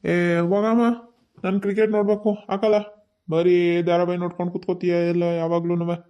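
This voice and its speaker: A stubborn young son in a cartoon talks back with sulky defiance, voiced by a man. His voice is high and flat, recorded with a dull, lo-fi sound. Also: fast talker, clean tone, lightly acted. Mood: defiant. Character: stubborn lazy college-age son.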